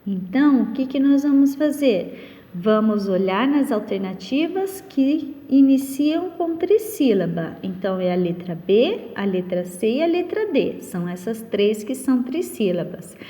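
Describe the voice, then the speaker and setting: Patient teacher woman, slow and lively. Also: on the high side. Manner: slow, patient, questions and answers her own questions. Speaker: primary school teacher. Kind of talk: recorded online class lesson. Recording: long reverb.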